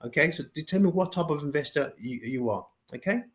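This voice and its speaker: A man with a fairly high voice giving an informal beginner lesson, repeating phrases and checking in with "okay?" after each point. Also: lively intonation, a little fast. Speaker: finance educator. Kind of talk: informal explainer video.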